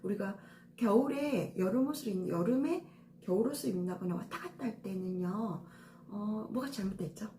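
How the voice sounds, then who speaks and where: A woman's voice: medium pitch, expressive, moderate pace, mellow, slight background noise. A middle-aged woman stylist giving a casual lesson on color coordination, patient and step by step with many fillers. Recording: echoey room with faint ambience.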